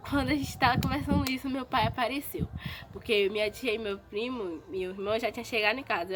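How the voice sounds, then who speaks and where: A woman's voice: fairly high pitch, a bit bright. A woman vlogger in a casual storytime video, chatting straight to her viewers and repeating herself as she talks.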